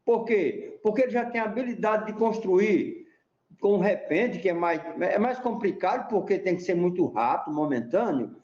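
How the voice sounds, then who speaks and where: A man's voice: high-pitched, animated, normal speed, darkish tone. A middle-aged man, explaining things like a teacher in an interview and often asking "né?". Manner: didactic, chatty, asks rhetorical "né?". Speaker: repentista and teacher, interview guest. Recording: echoey room, dull sound.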